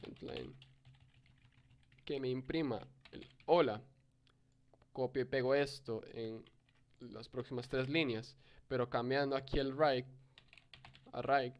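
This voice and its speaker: A man's voice: medium pitch, fairly even intonation, slow, long pauses, highs cut off. A young man in his early twenties giving a screen-recorded programming lesson. He reads code aloud step by step and corrects himself as he goes. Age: young adult. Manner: explains step by step, reading code aloud, with fillers and self-corrections. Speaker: programming tutor.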